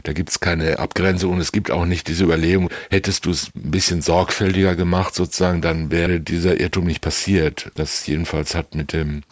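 Very deep older man, measured legal talk. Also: flat delivery, no room sound. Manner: long, carefully qualified sentences. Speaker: retired federal judge, podcast co-host. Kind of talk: measured legal analysis in conversation.

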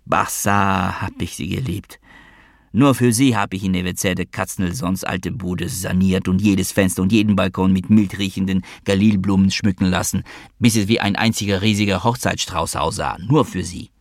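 A man narrating an audiobook in a dry, unhurried reading. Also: deep voice, fairly even intonation, gravelly, no room sound.

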